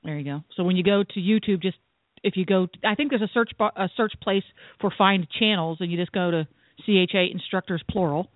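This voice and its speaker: A woman's voice: on the low side, fairly quick, no room sound. A woman co-hosting a radio show who asks friendly questions and explains things to listeners. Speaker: radio co-host. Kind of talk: casual radio chat. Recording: tinny phone-line sound, dry.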